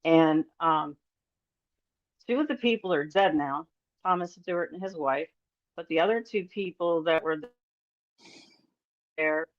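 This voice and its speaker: A woman's voice: low-pitched, measured pace, long pauses, dry recording. A woman guest in a podcast roundtable, giving a rambling personal testimony full of fillers and nervous laughter. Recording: dull lo-fi audio.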